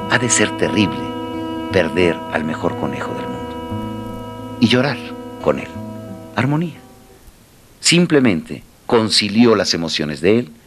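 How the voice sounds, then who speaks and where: Guy giving a motivational talk, pitch going all over, soft music underneath. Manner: rhetorical questions, dramatic pauses, repetition. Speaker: motivational speaker. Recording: faint music behind.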